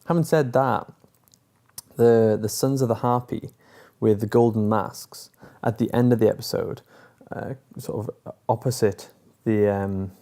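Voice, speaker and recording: Guy rambling to camera about last night's episode, kinda low mellow voice, cracks jokes, lots of ums. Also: fairly even intonation, a little slow. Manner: chatty and joking, with many fillers. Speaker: TV episode reviewer. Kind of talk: casual chat to camera.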